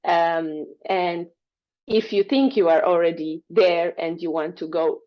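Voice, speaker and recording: On a video call, a Romanian woman who works freelance answers interview questions as a guest. Her voice sits on the low side and she keeps a measured pace, speaking fluently and warmly with a few fillers. The call audio is dull and lo-fi.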